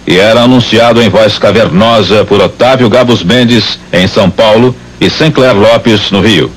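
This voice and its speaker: A man's voice: fairly low pitch, normal speed, poor audio. A man giving scripted documentary narration about past times, as the programme's narrator.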